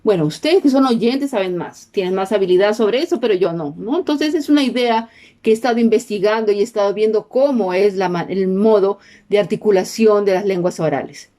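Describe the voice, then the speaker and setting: A woman's voice: mid-range voice, fairly quick, dark tone. A woman teaching a class, explaining step by step and checking in with her listeners through frequent questions. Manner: peppers sentences with questions to the class. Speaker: sign language teacher.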